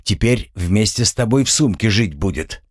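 A man voicing a calm, unflappable young man who talks with dry irony. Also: lowish voice, moderate pace, dry recording. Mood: ironic.

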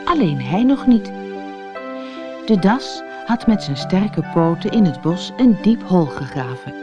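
Woman narrator from the Netherlands, lively children's storytelling, mellow tone; muffled old audiobook with faint music. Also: fairly low pitch.

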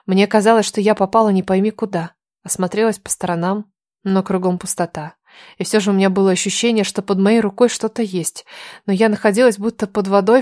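A woman reading a first-person story aloud in steady scripted narration. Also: medium pitch, no echo, studio quality. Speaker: audiobook narrator.

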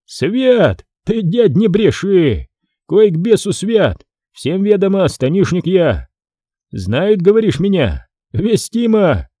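A man doing a gruff, mocking plague-cart driver. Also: high voice, very animated, slow pace, dark tone, dry recording, clean studio sound, voice pushed up, heavily acted. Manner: rough, mocking folk speech.

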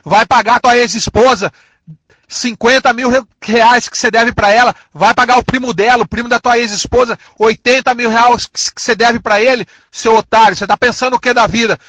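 A man with a São Paulo Portuguese accent, a native of São Paulo, Brazil, fires off an insulting, threatening rant, repeating his threats and dragging them out. His voice is very high and slightly bright, yet his intonation stays fairly even. There's no echo on the recording.

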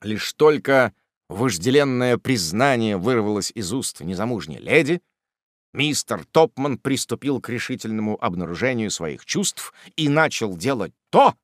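A man narrating a classic novel as an audiobook reader, in an expressive, measured storytelling manner. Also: lowish voice, no echo, clean studio sound.

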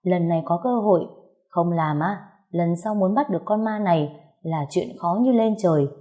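Bossy loud fake shaman woman, put on by a female narrator. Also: on the low side, normal speed, close to an everyday voice. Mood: commanding. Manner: barking, domineering orders.

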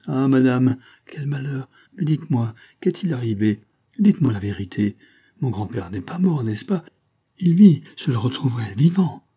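A man's voice: mid-range voice, lively intonation, normal speed, mellow, breathy edge. A man voicing a frightened young woman who pleads anxiously in a raised, breathless voice. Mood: pleading.

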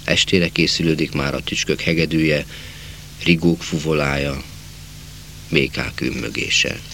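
A man narrating a literary novel in a measured reading voice, slowing down for quiet passages. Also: a bass voice, steady tone, creaky, slight background noise. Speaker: audiobook narrator.

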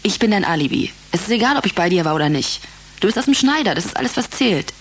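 Tough sarcastic girlfriend, husky, radio play. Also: mid-range voice, animated, quick pace. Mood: blunt. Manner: blunt, sarcastic, street-tough. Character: brash, tough young woman, blunt.

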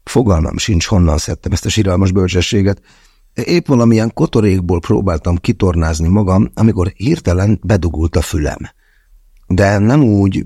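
A man's voice: deep voice, mellow, breathy edge, dry recording, clean studio sound. A man narrating a first-person novel as an audiobook, wry and conversational in his storytelling.

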